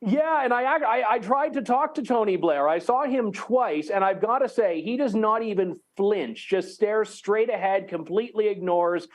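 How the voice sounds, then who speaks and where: A man's voice: sits high, lively intonation, normal speed, few pauses. A man, a journalist, joining an interview remotely and answering in a dry, wry, matter-of-fact way. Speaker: journalist guest.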